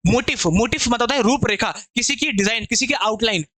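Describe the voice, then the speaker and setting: High-voiced, bright male teacher. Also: fairly quick, dry recording. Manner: chatty, repetitive, asks students if they understood. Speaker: English teacher. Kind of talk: online vocabulary lesson.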